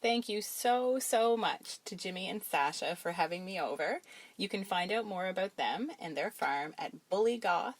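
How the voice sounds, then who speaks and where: A woman's voice: medium pitch, lively intonation, normal speed. A woman hosting a food podcast, chatting in an upbeat, encouraging way and then closing the episode. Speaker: podcast host. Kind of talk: casual chat and outro. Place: home kitchen.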